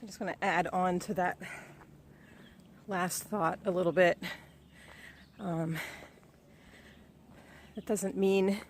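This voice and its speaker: A middle-aged woman giving a relaxed, chatty, self-encouraging training update on a ride outdoors. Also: fairly low pitch, slow, pauses often, background noise. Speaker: vlogger. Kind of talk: casual spoken training update.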